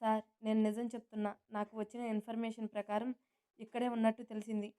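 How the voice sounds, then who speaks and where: A woman's voice: on the high side, little pitch movement, quick pace, warm tone, smooth, natural voice. A woman narrator voicing a timid, deferential male informant who speaks nervously.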